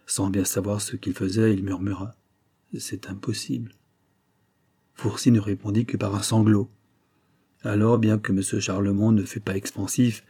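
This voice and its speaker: A man reads a classic novel aloud with a measured, expressive delivery. His voice sits low and has a husky grain. The tone is dark and mellow. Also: no echo. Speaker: narrator. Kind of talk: audiobook narration of a classic novel.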